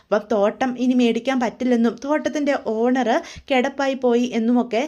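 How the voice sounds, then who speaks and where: A woman's voice: fairly high pitch, brisk, warm tone, muffled recording, natural voice. A woman voicing a grieving, loyal older male worker who confides in a pleading way. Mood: tearful confiding.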